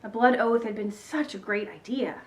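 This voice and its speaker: A woman teacher reading a children's chapter book aloud, in a clear expressive storytelling manner. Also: medium pitch, moderate pace.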